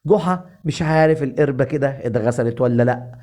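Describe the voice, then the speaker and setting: A man with an Egyptian accent telling a comic folk tale in a lively, repetitive way. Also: mid-range voice, quick pace. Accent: Egyptian Arabic. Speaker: storyteller.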